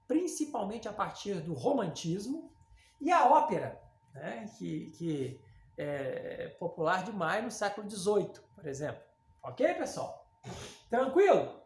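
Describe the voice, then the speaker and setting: A woman's voice: mid-range voice, sing-song, takes it slowly. A woman literature teacher giving a recorded class, conversational, with many fillers and frequent check-ins with her students. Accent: Brazilian Portuguese. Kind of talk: recorded online class lecture. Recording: echoey room.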